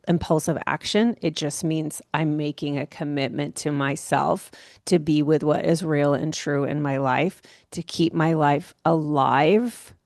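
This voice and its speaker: A woman astrologer giving a casual monthly horoscope talk, rambling and relaxed, with many fillers and soft laughs. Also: deep voice, no room sound, studio quality. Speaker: astrologer host.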